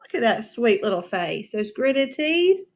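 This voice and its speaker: A woman teacher reading a storybook aloud to children, pausing to ask them questions and explain words. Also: on the high side. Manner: expressive, asks the children questions, slow and patient. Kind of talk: storybook read-aloud with class discussion.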